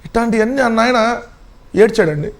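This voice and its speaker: A man on a TV news panel, arguing in a heated way with mocking, rapid rhetorical questions. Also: very high voice, animated, creaky. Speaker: political panelist.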